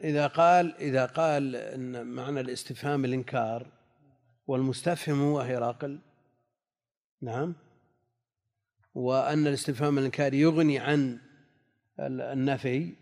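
A male religious teacher giving a classical text lesson. He reads quoted passages slowly, repeats key phrases and answers students' questions. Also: mid-range voice, steady tone, darkish tone. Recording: long hall reverb.

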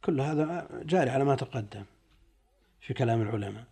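A male sheikh gives a classical lesson, reading passages aloud and explaining them word by word. His voice is mellow and soft-edged, sitting at an ordinary middle pitch for a man. He draws out key words as he unpacks them. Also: expressive, husky. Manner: deliberate, stretches key words while explaining. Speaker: sheikh teaching a text.

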